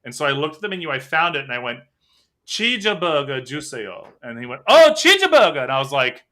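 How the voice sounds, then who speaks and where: A man hosting a casual podcast chat, telling stories in an animated, talkative way. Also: medium pitch, very fast. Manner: chatty, animated storyteller. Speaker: podcast host.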